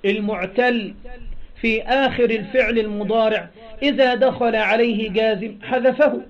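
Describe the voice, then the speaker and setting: Egyptian guy teaching, high voice, keeps asking "right?" to check on the class. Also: muffled recording. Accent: Egyptian Arabic. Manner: keeps checking understanding with quick questions. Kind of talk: explaining a Quran recitation lesson.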